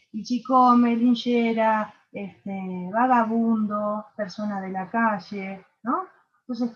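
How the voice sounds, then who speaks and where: A woman's voice: on the high side, lo-fi sound. A woman with a Uruguayan Spanish accent giving an online workshop lecture, explaining patiently with frequent fillers and checking questions. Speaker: workshop instructor.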